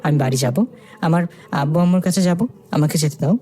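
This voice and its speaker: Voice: mid-range voice, fairly quick, mellow, lightly acted. A narrator voicing a frightened kidnapped girl in a horror story, pleading tearfully.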